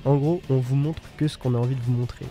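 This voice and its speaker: A man's voice: medium pitch, steady tone, mellow, faint music behind. A man hosting his own video, explaining his editing to viewers in casual, direct commentary. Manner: fast, direct, addresses viewers as "les gars". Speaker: YouTube host.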